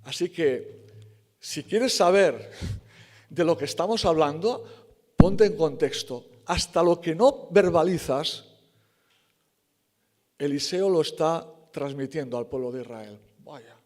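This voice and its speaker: A man delivering a sermon in a church with a fairly high voice. He speaks emphatically but in a conversational way, often correcting himself and briefly acting out the lines he quotes. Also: expressive, slow pace, pauses often, a little mellow. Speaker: preacher.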